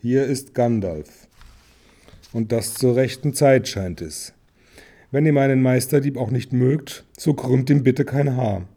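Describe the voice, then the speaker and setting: A man's voice: mid-range voice, unhurried, mellow. A man voicing a commanding old wizard.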